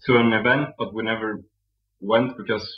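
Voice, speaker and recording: A young man from Sweden with a Swedish accent, a guest answering interview questions in a relaxed, soft-spoken way. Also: normal speed. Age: young adult. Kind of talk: casual interview. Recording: muffled low-fidelity audio.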